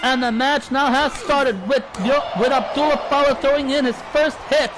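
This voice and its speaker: A man doing excited, dramatic wrestling play-by-play commentary in a shouted delivery. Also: very high-pitched, moderate pace. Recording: noisy recording with loud crowd.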